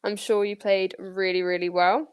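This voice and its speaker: A woman's voice: medium pitch, level tone, moderate pace, smooth. A woman co-hosting a golf podcast in casual, enthusiastic chat, often saying "like". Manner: enthusiastic, uses "like" a lot. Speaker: podcast co-host.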